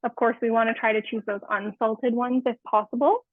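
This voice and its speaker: A woman's voice: a little high, steady tone, a little fast, no room sound. Woman dietitian on a tinny webinar line. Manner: friendly explanatory, many fillers. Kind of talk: live webinar cooking demo. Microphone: remote webinar call. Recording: tinny phone-like webinar audio.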